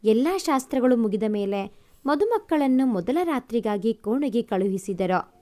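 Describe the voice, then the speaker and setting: A woman narrates a romantic family story in an even, measured way. Her voice is pitched high. Its tone is warm and mellow.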